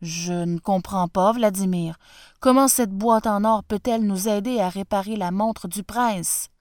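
A woman's voice: mid-range voice, measured pace, darkish tone, dry recording, studio quality, close to an everyday voice. A woman voicing a humble, anxious old clockmaker and father, who speaks in a worried, hesitant way. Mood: bewildered.

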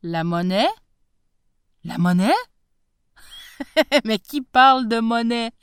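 Prince Igor, a woman playing a jovial, booming prince. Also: big pitch swings, a little slow, no room sound, studio quality. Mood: merry. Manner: booming, laughing. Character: hearty, jovial male prince.

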